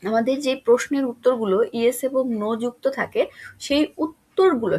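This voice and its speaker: An English grammar teacher with a fairly high, slightly breathy voice explains things to schoolchildren. Her instructive style has her often asking questions and then answering them herself.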